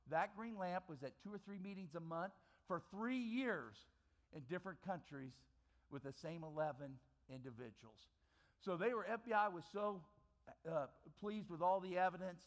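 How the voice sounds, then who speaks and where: A man with a fairly high-pitched voice tells his personal testimony to a chapel audience. He builds his story dramatically, hammering key phrases again and again, then drops to quiet, low lines. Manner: swings from loud bursts to quiet low lines. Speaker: chapel guest speaker.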